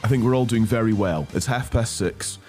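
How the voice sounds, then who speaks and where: A man's voice: lowish voice, brisk, darkish tone, soft background music. A man hosting a podcast, introducing the show and putting questions to guests. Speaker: podcast host.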